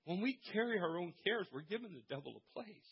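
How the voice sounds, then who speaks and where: A man preaching a sermon in an animated way, shouting calls and joking with the congregation. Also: high voice, fairly quick, gravelly, slightly rough, muffled recording. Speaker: pastor.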